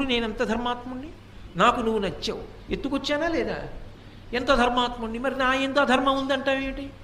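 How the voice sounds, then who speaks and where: A man's voice: very high voice, a bit bright, slight background noise. A preacher putting on a boastful demon king. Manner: mocking, self-justifying. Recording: echoey room, distant mic.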